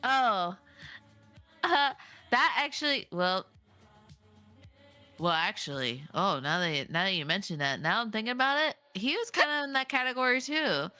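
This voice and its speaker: A woman's voice: mid-range voice, expressive, moderate pace, pauses often, sharp tone, faint music behind. A young adult woman guest on a chat stream, tipsy and rambling, poking fun at herself. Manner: rambling, self-deprecating, tipsy.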